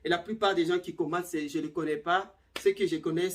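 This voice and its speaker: A middle-aged woman giving casual relationship advice to camera, animated, acting out little scenes and repeating words. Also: lowish voice, fast, a little hiss or hum.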